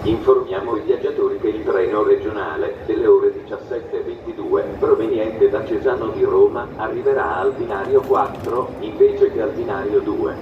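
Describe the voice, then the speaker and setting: Echoing, flat formal male station announcer. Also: fairly low pitch, normal speed, few pauses, highs cut off. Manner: flat, formal, segmented phrasing. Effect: public address loudspeaker. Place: outdoor railway platform, heard over loudspeakers. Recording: distant echoing PA, loud train noise. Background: loud trains and station ambience.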